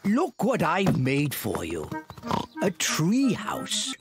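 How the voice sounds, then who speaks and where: A man's voice: a little high, huge pitch swings, over music, heavily acted. A British man voicing a jolly, doting elderly grandpa pig in a children's cartoon, hearty and exclaiming. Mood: jolly, proud. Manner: slow, exclaiming delivery for small children.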